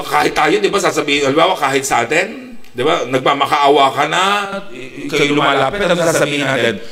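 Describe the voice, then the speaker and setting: Filipino male preacher, sharp high tone, emphatic, voice set back from the mic. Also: gravelly, recorded from a distance. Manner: emphatic, asks rhetorical questions. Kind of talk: sermon.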